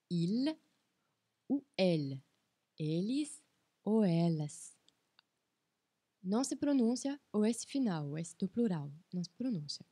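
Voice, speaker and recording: A woman giving a language lesson, saying each word twice, slowly and carefully. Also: mid-range voice, mellow, husky, dry recording. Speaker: French teacher. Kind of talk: slow scripted language lesson.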